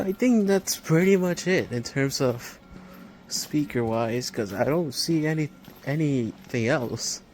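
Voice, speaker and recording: A man with a mid-range voice, slightly hissy or humming on the recording, gives a rambling, improvised tour of a large hardware store. An amateur video maker, he sounds like an enthusiastic hobbyist filming, with store music in the background.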